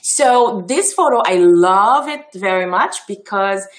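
A woman's voice: mid-range voice, expressive, slow. A woman from Haiti with a French and Creole accent, giving a chatty presentation full of ums and restarts. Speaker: festival founder giving a talk. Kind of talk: casual presentation talk.

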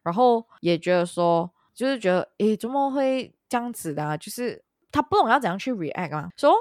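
A woman's voice: mid-range voice, animated, normal speed, darkish tone, dry recording, clean studio sound. A woman co-hosting a casual chat, telling a long story and dropping English words into her speech. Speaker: podcast co-host.

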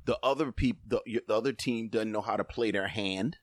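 A man co-hosting a podcast in casual chat, explaining a card game with animated, laughing energy. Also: on the low side, a little fast, dry recording, clean studio sound. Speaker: podcast co-host.

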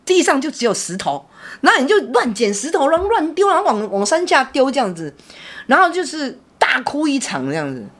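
Middle-aged lady chatting on a podcast, talks fast, lots of restarts. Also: high voice. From Taiwan. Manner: animated, many restarts and repeated words. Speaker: podcast co-host, mother. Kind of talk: casual storytelling chat.

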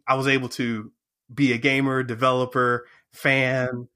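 A man telling a story in a casual interview, animated and excited, acting out the voices of people in it. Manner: animated, acts out quoted dialogue with jumps in pitch; excited, fast bursts of speech. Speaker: guest.

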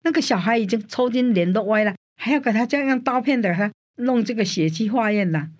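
An older woman from Taiwan, a guest in an interview telling her faith story in an animated way, often using the filler sounds "hā" and "āi". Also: fast. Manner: animated storyteller, frequent "hā" and "āi" fillers, rising pitch in tense moments. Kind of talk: personal faith testimony in an interview.

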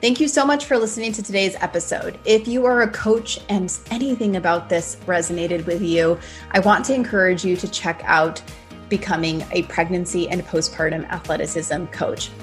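A woman with a fairly low voice hosts a podcast at a normal pace over soft background music. She's warm and encouraging, says "like" a lot, and moves between casual conversation and a scripted outro.

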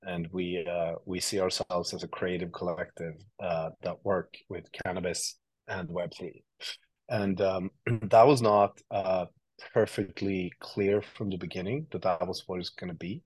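A man from Sweden in his thirties, a guest telling stories in a relaxed, rambling way with lots of fillers. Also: deep voice, a little slow, breathy edge, no room sound, rough recording. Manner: relaxed storytelling with many fillers and restarts. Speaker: guest, creative officer. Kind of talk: casual interview talk.

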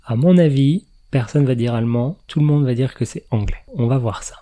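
A man's voice: medium pitch, a little fast, warm tone. A man hosting a podcast in a casual, explanatory chat, laughing now and then at his own remarks. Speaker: podcast host.

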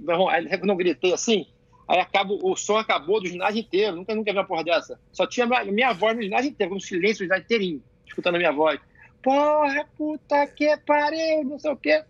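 A middle-aged Brazilian man, a jiu-jitsu coach and father, telling animated stories in casual chat, swearing freely and restarting his phrases. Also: sits high, very fast, gravelly, slightly rough, no room sound, dull audio.

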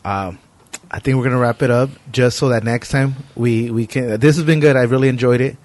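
A man's voice: medium pitch, fairly quick, a little mellow, no echo. A man hosting a podcast, talking casually and earnestly in informal, slangy language. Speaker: podcast host. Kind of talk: casual conversation.

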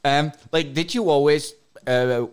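A man hosting a podcast, asking loose, halting questions with lots of fillers. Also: on the high side, clear, resonant tone. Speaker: podcast host. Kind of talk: casual podcast interview.

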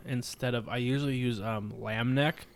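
A man co-hosting a podcast, chatting casually with loud, profane jokes. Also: mid-range voice, steady tone, normal speed. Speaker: podcast co-host. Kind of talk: casual crude podcast banter.

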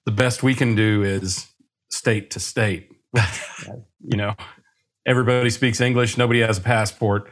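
A man co-hosts a podcast, easygoing and ready with a joke. His voice sits a bit on the low side and his delivery is relaxed and conversational. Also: normal speed. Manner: easygoing, joking. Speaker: podcast co-host. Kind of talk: casual interview chat.

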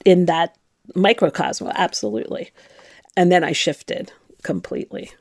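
A woman's voice: lowish voice, fairly even intonation, unhurried, darkish tone. A middle-aged woman, a former nun, telling her story frankly and reflectively in an interview.

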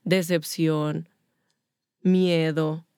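A woman's voice: low voice, little pitch movement, drawn-out words, a little mellow, clear, resonant tone, dry recording, clean studio sound. A woman with a Mexican accent talking casually about faith and emotions, stacking up long spoken lists. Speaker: podcast co-host.

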